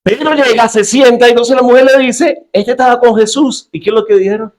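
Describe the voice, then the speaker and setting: A middle-aged male pastor giving a humorous sermon, acting out quotes with sudden jumps in pitch. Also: fast.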